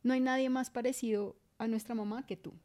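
A young woman co-hosting a casual podcast chat, speaking in a steady way and keeping the conversation on track. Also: on the high side, fairly quick. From Miami, USA. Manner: steady, keeps the conversation moving. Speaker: co-host.

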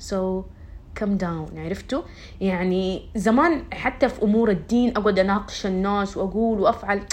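A woman's voice: medium pitch, a little fast, darkish tone. A young woman, chatting casually and confidingly to her followers and dropping in English words. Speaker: vlogger.

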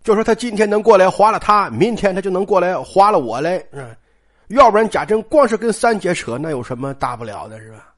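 Chatty storyteller retelling a classic novel, animated pitch, talks straight to listeners. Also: a little fast.

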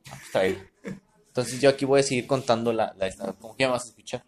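On a podcast, a man with a mid-range voice and a Mexican accent talks fast as he shares a spooky tale from his childhood. Keeping the chat casual, he often checks that his listener is following with "¿no?" or "¿verdad?".

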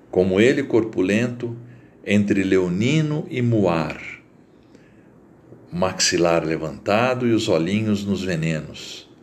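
A man reading a literary short story aloud as narrator, in a slow, deliberate and expressive way. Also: fairly low pitch.

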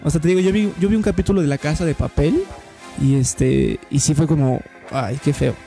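Over soft background music, a man with a Mexican Spanish accent chats casually about TV series he recommends, using slang and profanity. His voice is a little high, warm, with vocal fry, and he turns slow and deliberate when making recommendations.

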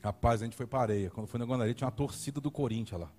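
A male pastor preaching a sermon, telling a comic story in an animated way. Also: mid-range voice, very fast.

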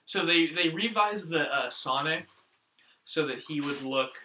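Echoey, very bright-voiced man swearing casually. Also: fairly high pitch, measured pace, far from the mic, slight background noise. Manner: crude, heavy swearing. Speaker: podcast host. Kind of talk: casual comedic chat.

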